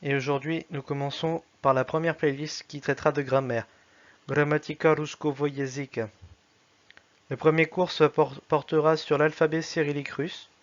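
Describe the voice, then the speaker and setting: A man teaching a language lesson, slowly and carefully sounding out letters and words one by one. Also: a little high, level tone, no room sound, muffled recording. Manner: slow, careful and deliberate, spelling out sounds one by one. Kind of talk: slow spoken lesson.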